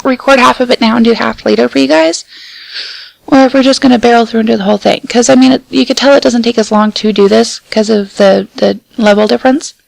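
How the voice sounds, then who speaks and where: A woman's voice: on the high side, steady tone, fast, vocal fry, darkish tone, no echo, poor audio. A woman casually chatting and commenting on a game she is playing with a friend, playful and self-mocking. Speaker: gaming channel co-host.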